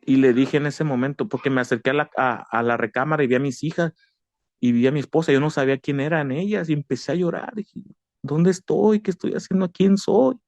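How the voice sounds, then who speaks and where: This is a fast-talking man with a mid-range voice telling an emotional personal story of faith, earnest and prone to repeating himself, and he calls the listener brother. There's no echo.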